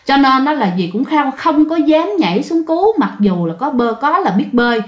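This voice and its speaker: A woman's voice: high voice, sing-song, brisk, muffled recording. A woman telling a ghost story, chatting directly to her listeners. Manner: conversational, addresses listeners directly. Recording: roomy echoey recording.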